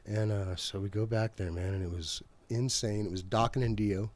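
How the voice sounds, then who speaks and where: A man's voice: on the low side, fairly even intonation, moderate pace, a little mellow. A middle-aged man telling a rambling backstage story as a podcast guest, slangy and laughing often. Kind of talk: casual storytelling chat.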